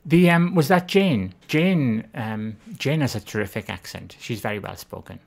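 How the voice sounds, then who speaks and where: With an expressive mid-range voice, a touch of vocal fry, and normal speed, a Welsh streamer from Swansea chats casually. Self-deprecating humour runs through the stream as they read their viewers' comments out loud.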